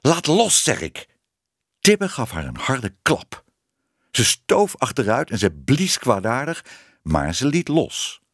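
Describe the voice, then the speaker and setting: A man reading a children's storybook aloud in an expressive, animated way. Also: mid-range voice, dry recording, clean studio sound. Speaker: narrator.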